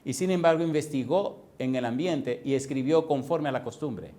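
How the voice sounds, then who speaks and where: A man preaches a sermon in a middle-pitched voice. He quizzes the congregation with rapid back-and-forth questions and deliberately slows down to stretch out important words. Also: warm tone. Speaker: pastor. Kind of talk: preaching sermon with call-and-response. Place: church congregation.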